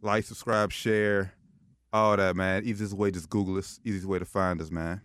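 A man hosts casual sports talk in a clear, lowish voice. He is slangy and repeats phrases for emphasis, close and dry. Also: flat delivery, normal speed, fairly bright tone, no echo. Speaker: sports talk show host.

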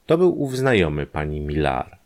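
A man in calm, measured scripted narration of a crime story. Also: extremely low pitch.

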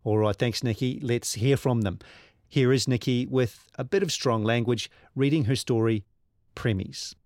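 A male host asks interview questions in a halting way, searching for his words. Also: mid-range voice, a little mellow, dry recording, studio quality. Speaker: podcast host.

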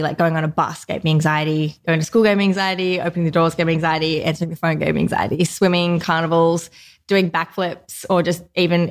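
Chatty woman, lowish voice. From Australia. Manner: open, chatty, frequent "like" fillers. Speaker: guest. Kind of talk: casual conversational interview.

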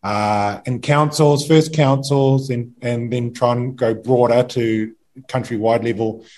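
A man with a New Zealand accent, a campaigner guest speaking in a halting way with many fillers. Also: mid-range voice, steady tone, darkish tone. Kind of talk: casual interview.

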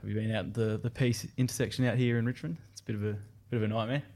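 A man's voice: medium pitch, fairly even intonation, rapid-fire, darkish tone. An Australian man co-hosting a podcast, putting casual interview questions to guests. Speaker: podcast co-host.

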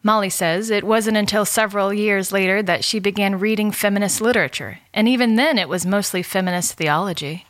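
A woman's voice: mid-range voice, brisk, few pauses, fairly bright tone, no room sound, studio quality. A woman reading scripted documentary narration as the host.

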